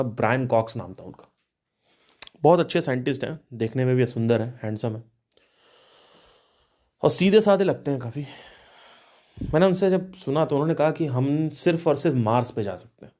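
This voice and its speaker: Warm in tone and medium in pitch, a podcast host in his thirties reflects on spiritual ideas. He wonders aloud, with restarts and rhetorical questions along the way.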